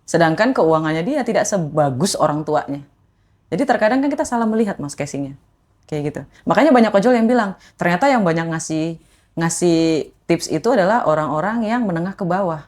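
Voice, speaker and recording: A woman's voice: lowish voice, brisk. A woman guest telling personal stories in casual talk, acting out the voices of people she quotes. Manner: animated, re-enacts quoted voices. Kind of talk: emotional personal storytelling.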